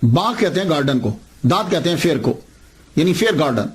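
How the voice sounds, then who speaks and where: Animated male preacher telling a saint's story. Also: a little high. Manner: animated, acts out dialogue, asks rhetorical questions. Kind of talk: religious storytelling sermon.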